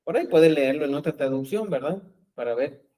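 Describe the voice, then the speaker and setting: A man's voice: fairly high pitch, lively intonation, fairly quick, mellow, rough recording. A man preaching a sermon as pastor, talking conversationally and often asking his congregation rhetorical questions.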